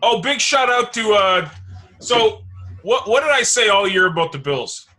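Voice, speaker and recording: A man's voice: sits high, very animated, normal speed, bright, forceful tone. A man hosting a casual sports talk show, rambling loosely and swearing now and then. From Canada.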